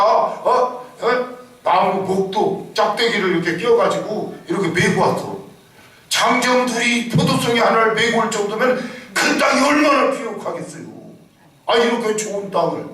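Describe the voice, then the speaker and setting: A man preaching a Sunday sermon as senior pastor, emphatic and dramatic, firing rhetorical questions at his congregation and sometimes shouting. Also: sits high. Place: church sanctuary. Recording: echoey hall, distant mic.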